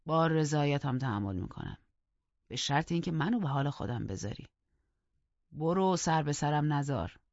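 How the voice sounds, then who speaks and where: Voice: medium pitch, expressive, a little mellow, no echo, lightly acted. A reader voicing Heathcliff, a brooding grown man, in an audiobook, answering curtly and dismissively. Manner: curt and dismissive, firm. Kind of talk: audiobook character reading. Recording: dull lo-fi audiobook recording.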